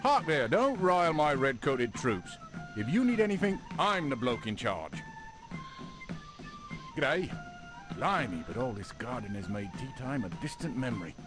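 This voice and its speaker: A proud British redcoat officer from an old educational adventure game, blustering about his tea. His voice swoops wildly up and down and is full of period exclamations. Game music plays clearly behind him. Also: medium pitch, big pitch swings, a little slow. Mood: blustery. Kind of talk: 1990s educational game voice acting.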